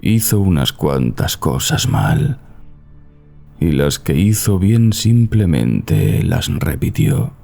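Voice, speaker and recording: A man reading a classic horror story as narrator, in a measured, solemn literary manner. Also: sits low, sing-song, creaky, mellow. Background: background music.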